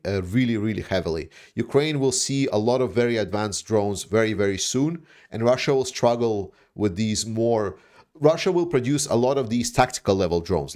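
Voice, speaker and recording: Taking questions from viewers on his livestream, the Danish host responds bluntly and casually, faltering at times and repeating words to stress them. He has a medium-pitched, slightly mellow voice.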